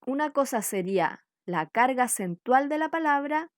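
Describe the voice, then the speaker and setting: A woman from Chile giving a scripted spelling lesson, reading out example words one by one in a slow, deliberate way. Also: high voice, lively intonation, no room sound, studio quality. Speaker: workshop teacher.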